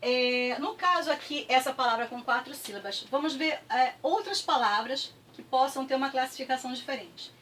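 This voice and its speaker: A woman's voice: sits high, a bit bright, distant mic, a little hiss or hum. A woman with a Brazilian Portuguese accent teaching a review lesson, patient and checking in often with her students. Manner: patient, repeats words slowly with clapping, frequent "tá?" checks.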